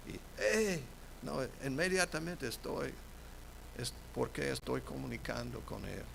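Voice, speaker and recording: A man preaching in a church, his voice bright and edged with gravel. He speaks slowly and deliberately, then swells into loud, emphatic declarations. A faint hum of room noise sits behind him. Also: medium pitch, rough recording. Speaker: pastor. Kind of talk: sermon. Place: church sanctuary.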